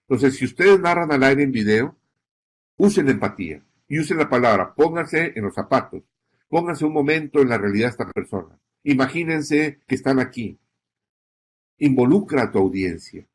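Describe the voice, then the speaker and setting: A man gives a recorded lecture on storytelling for reporters. His voice is husky and sits at an ordinary pitch. He often pauses to check in with his listeners and leans on key words for emphasis. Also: lively intonation. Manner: didactic, frequent "¿sí?" check-ins, stresses key words. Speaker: journalism instructor.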